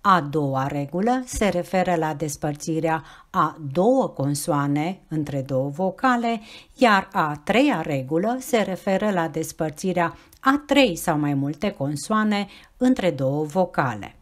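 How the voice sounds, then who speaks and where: A woman's voice: deep voice, expressive. Woman reading a grammar lesson. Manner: clear, measured, explanatory delivery. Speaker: teacher. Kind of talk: scripted lesson narration.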